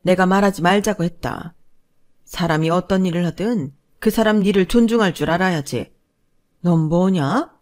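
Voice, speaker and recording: A woman voicing a furious older mother-in-law who scolds loudly in a Korean family story. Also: on the low side, normal speed, close to an everyday voice. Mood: indignant. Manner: loud scolding tirade.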